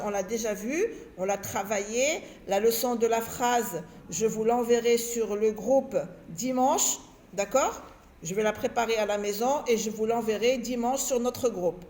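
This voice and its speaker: A woman's voice: a little high, a little mellow, slight background noise. A woman teacher patiently walking young children through a reading exercise, repeating and stretching out words syllable by syllable. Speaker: primary school teacher. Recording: echoey room.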